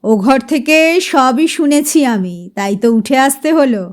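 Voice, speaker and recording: A woman voicing a fourteen-year-old boy who lectures gravely, know-it-all, with a cracking, thick voice. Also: high voice, animated, normal speed. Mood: lecturing.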